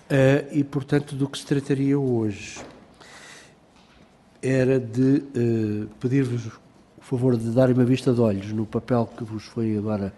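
A man's voice: mid-range voice, dark tone, slight background noise. Hesitant man with a European Portuguese accent chairing a meeting. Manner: halting, many filler sounds and restarts, formal phrasing. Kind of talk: formal meeting address.

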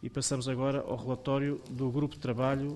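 A man with a European Portuguese accent chairs a parliamentary committee meeting. He speaks in a formal, procedural way, giving the floor to members and calling votes. His voice sits at an ordinary middle pitch. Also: little pitch movement, fast talker, a little mellow, a little hiss or hum.

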